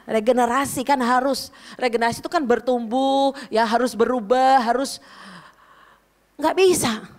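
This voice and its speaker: Woman pastor, high voice, lively conversational preaching, addresses the congregation directly. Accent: Indonesian. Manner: animated preaching, often addresses listeners as "saudara". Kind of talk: sermon.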